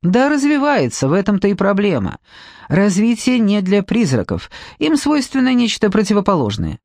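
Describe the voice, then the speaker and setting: A man's voice: sits high, wildly swooping pitch, normal speed, creaky, darkish tone, dry recording, studio quality, pitched above the performer's own voice, heavily acted. A man voicing an eccentric, brusque male paranormal detective in an audiobook, lecturing and dryly sarcastic. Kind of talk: audiobook character reading.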